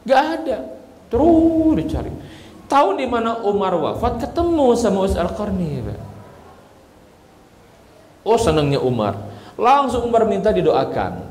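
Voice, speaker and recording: Lively man preaching in an echoey hall. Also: sits high, moderate pace, long pauses. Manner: lively storytelling, addresses the men directly. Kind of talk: Islamic sermon. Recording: echoey hall with long reverb.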